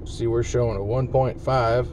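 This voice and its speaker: Sitting inside a parked vehicle cab, a vlogger shows off CB radio gear in a hands-on, folksy, plain-spoken demonstration. His mid-range voice is steady and moderately paced, and the handheld recording carries car cabin noise.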